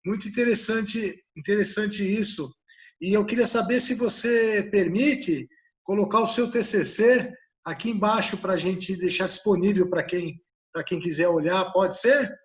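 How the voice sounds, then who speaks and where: High-voiced, hesitant male host. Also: a little slow, lo-fi sound. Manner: hesitant, many restarts and fillers. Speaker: interview host. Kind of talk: casual interview chat.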